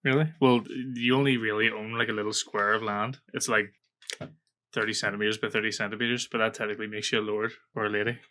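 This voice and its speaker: A man's voice: fairly low pitch, little pitch movement, quick pace, pushed and bright, a little hiss or hum. A man co-hosting a casual chat, talkative and teasing. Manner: chatty, teasing, laughs often. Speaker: podcast co-host.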